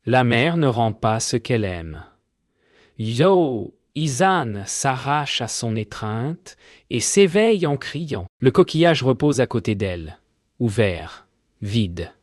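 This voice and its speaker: A man narrating a fairy tale in a solemn, measured way. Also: medium pitch, no room sound, studio quality. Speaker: storyteller.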